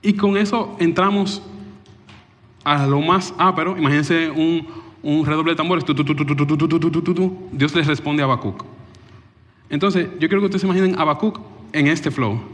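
Lively man preaching in a reverberant hall. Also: a little high, normal speed. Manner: lively, acts out dialogue with dramatic asides. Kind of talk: sermon. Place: church hall before a congregation. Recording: long reverb of a large hall.

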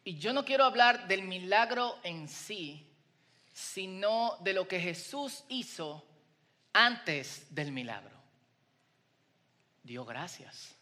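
A man's voice: sits high, animated, takes it slowly, sharp tone, long reverb tail. A man preaching a sermon in a conversational way, asking the congregation questions.

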